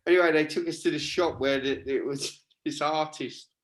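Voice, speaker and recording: A man's voice: a little high, moderate pace, fairly bright tone. A man co-hosting a casual chat show, telling funny stories animatedly and laughing as he goes. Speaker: co-host.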